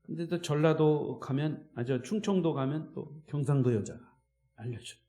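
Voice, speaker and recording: A man's voice: fairly high pitch, normal speed, dark tone, reverberant. A man preaching a sermon as pastor, emphatic, with repetition and rhetorical questions. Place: church sanctuary.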